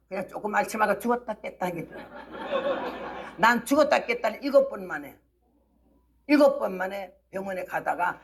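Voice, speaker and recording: A woman missionary gives a testimony sermon at an early morning service. She tells the story with animated energy and voices the people in it herself. Now and then she rises to a shout or bursts out laughing. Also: medium pitch. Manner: lively storytelling, acting out the people she quotes. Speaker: missionary preacher.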